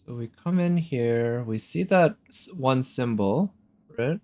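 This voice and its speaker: A man of medium pitch gives casual, animated live commentary on a video game at a slow pace, thinking aloud and frequently questioning what he sees. Loud game music plays behind his voice.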